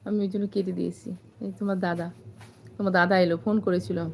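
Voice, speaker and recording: A woman's voice: lowish voice, little pitch movement, brisk, gravelly, a little mellow, a little hiss or hum. A woman from Kolkata, hosting a casual live stream and greeting viewers by name as she reads their comments. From Kolkata, India.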